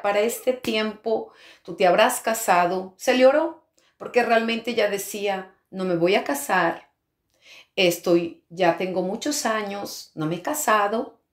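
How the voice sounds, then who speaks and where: A woman preaching a fervent sermon testimony, breaking into exclamations of praise and speaking in tongues. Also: on the high side. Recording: roomy echo.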